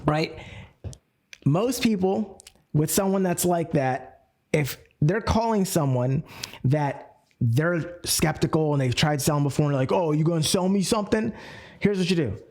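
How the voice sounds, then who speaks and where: A man coaching network marketers in a casual, energetic Q&A session, acting out sample phone calls in slangy everyday talk. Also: on the high side, measured pace.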